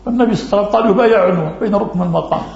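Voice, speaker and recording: In a high, gravelly, slightly mellow voice, an Islamic scholar speaks very fast while answering religious questions in a lesson. He repeats key phrases to stress them, captured on an echoey, dull lo-fi recording.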